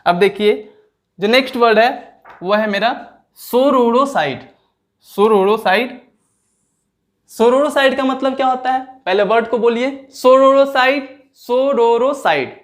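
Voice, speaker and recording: A man teaching an exam vocabulary lesson, repeating each word slowly and drawing it out as he checks that his students understand. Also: extremely high pitch. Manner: asks students questions and checks their understanding.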